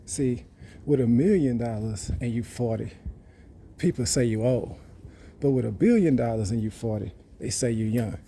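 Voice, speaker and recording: A man's voice: mid-range voice, normal speed, dark tone, slight background noise. A man, rambling and boasting in a casual monologue that repeats itself. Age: 30s. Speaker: vlogger.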